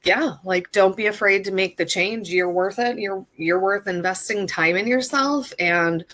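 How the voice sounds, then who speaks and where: A woman in her thirties recounting a personal story in an interview, casual and full of fillers. She talks in a chatty, animated way at an ordinary mid pitch. Now and then she jumps high when she acts out her own excited reactions. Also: a little slow. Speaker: coaching client.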